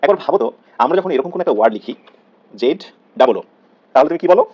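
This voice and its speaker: A man with a Bangladeshi Bengali accent leads a live online grammar class at a brisk clip. He is earnest and drills each sound by repeating it, switching into English words now and then. The recording is a little dull and lo-fi. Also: on the high side, animated, breathy edge. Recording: slightly dull, lo-fi audio.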